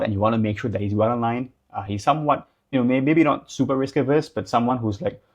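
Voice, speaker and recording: A man's voice: fairly low pitch, darkish tone, slightly rough. A young man from Singapore giving casual, loose business advice, full of fillers like "like" and "um". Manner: loose and conversational, many fillers like "like" and "um". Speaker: business coach. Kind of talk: casual talking-head advice.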